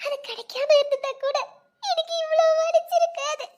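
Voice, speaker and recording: A woman's voice: very high-pitched, quick pace, pushed and bright, dry recording, dull audio. A woman playing a tearful, wronged young woman. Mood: weeping despair. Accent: Tirunelveli Tamil. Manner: tearful, trembling, pleading. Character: grieving young woman Thenmozhi, wronged and defiant.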